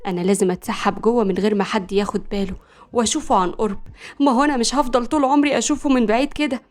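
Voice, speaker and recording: A woman's voice: a little high, fairly even intonation, racing, natural voice. Woman doing a brash swooning Egyptian young woman. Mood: scheming. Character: lovestruck brash young woman obsessed with a footballer.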